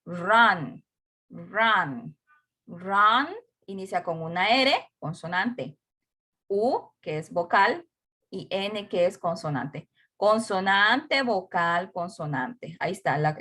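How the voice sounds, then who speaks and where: A patient woman English teacher guides a class through a grammar rule, speaking slowly at an everyday pitch, repeating each word and spelling out letters one by one. Her voice is a bit bright.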